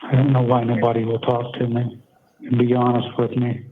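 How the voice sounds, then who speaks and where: A man's voice: medium pitch, completely flat delivery, normal speed, background noise. A man speaking from prison over the phone, subdued and weary, heard through a tinny prison phone line. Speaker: inmate calling.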